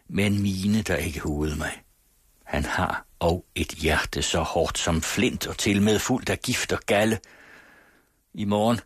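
A man narrates a classic story in a low, husky voice, his reading measured and solemn with an old-fashioned literary cadence. The sound is dry and close to the mic. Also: no room sound. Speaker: audiobook reader.

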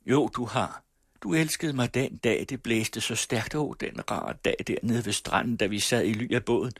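A man's voice: husky, no room sound, studio quality. A man voicing a tearful young working-class woman who pleads with her lover. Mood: wistful. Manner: high imploring voice.

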